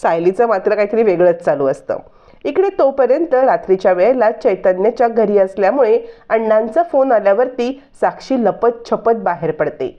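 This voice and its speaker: A woman's voice: mid-range voice, normal speed, lo-fi sound. Woman narrating a serial recap. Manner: lively, storytelling.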